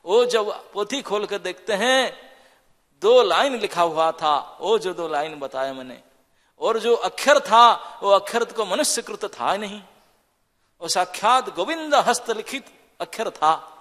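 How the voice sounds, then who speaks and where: A man preaching and storytelling with a high, lively voice that rises and falls dramatically. He exclaims often as he tells the story, and a long hall reverb surrounds him in the temple. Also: a little slow. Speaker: monk preacher. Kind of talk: devotional sermon storytelling.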